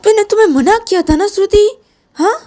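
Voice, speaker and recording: Shrill scolding young woman, rapid questions, voiced by a woman storyteller. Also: warm tone.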